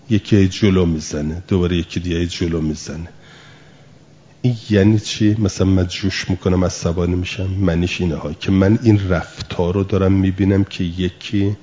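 A man's voice: low voice, mellow, highs cut off. A man teaching a lesson, patiently explaining through everyday examples and asking rhetorical questions. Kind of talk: spoken lesson.

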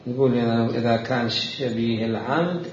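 A man teaching a religious law lesson, reading old texts slowly and loudly, then explaining them in dialect. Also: mid-range voice, far from the mic. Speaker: seminary jurisprudence teacher. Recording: roomy, dull lo-fi recording with faint hiss.

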